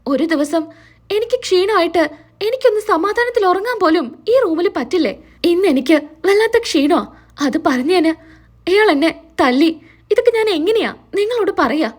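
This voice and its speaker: A woman voicing a sharp-tongued young wife who talks in a sarcastic, taunting way. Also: very high voice, animated, normal speed. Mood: aggrieved.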